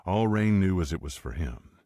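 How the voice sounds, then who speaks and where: A man reading an audiobook romance in a steady, unhurried narration. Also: deep voice, dry recording, studio quality. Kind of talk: scripted narration.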